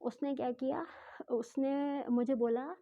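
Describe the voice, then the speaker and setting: A woman telling a travel story in a casual vlog, chatty and often correcting herself, mixing in English phrases and speaking slowly on purpose. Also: high voice, fairly even intonation, dark tone, dull audio. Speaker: travel vlogger.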